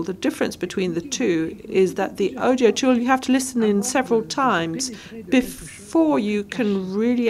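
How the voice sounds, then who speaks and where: Woman interpreting a talk live, mid pitch, short broken phrases, fixes her words as she goes. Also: gravelly, darkish tone. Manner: halting, phrase by phrase, self-correcting. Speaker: simultaneous interpreter.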